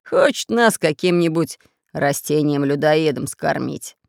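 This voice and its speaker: A stout red-bearded pirate grumbles in a hoarse, scheming tone, as a woman narrator puts him on, her voice pulled down low. It is read close and dry for an audiobook. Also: animated, a little slow, darkish tone, no room sound, exaggerated voice. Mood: gruff. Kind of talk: audiobook character voice.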